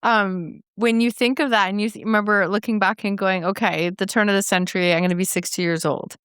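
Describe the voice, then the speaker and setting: A woman's voice: mid-range voice, steady tone, brisk, fairly bright tone, clear, resonant tone, no echo, studio quality. A woman hosting a podcast, introducing her guest and interviewing him with effusive enthusiasm. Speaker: podcast host.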